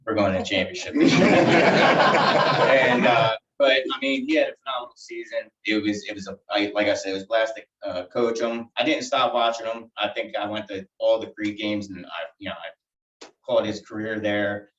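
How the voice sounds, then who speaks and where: Man, youth coach, low voice, hesitant speech, dull and distant in an echoey chamber. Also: steady tone, a bit bright. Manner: halting, hesitant, many fillers. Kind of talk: public tribute at council meeting. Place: council chamber. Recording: dull, echoey room from far off.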